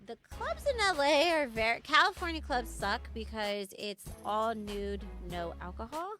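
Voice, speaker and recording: A woman's voice: fairly high pitch, sing-song, unhurried, pushed and bright. A woman in her thirties telling stories as a podcast guest, talking loosely and casually. She fills her speech with "like" and swears freely, and music plays underneath. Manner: chatty, peppered with "like", swearing. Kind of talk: casual interview storytelling.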